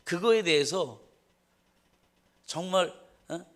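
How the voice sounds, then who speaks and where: A man's voice: sits high, slow pace. A male pastor giving an earnest church sermon, often asking a rhetorical "응?" and acting out dialogue in voices. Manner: earnest preaching with frequent rhetorical "응?"; acts out dialogue in quoted voices. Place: church service.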